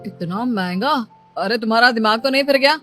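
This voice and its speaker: A woman's voice: fairly high pitch, a little fast, a bit bright, soft background music, pitched above the performer's own voice, natural voice. A woman playing an exasperated young husband. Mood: exasperated scolding. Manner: scolding, exasperated.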